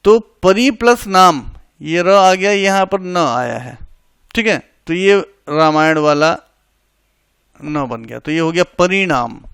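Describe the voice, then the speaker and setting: A man's voice: fairly high pitch, lively intonation, takes it slowly, gravelly, a bit bright, smooth, no room sound, studio quality. A man teaching a grammar lesson for exam preparation, explaining each rule step by step, repeating it and checking that students follow, with English words mixed in. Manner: mixes English words into Hindi.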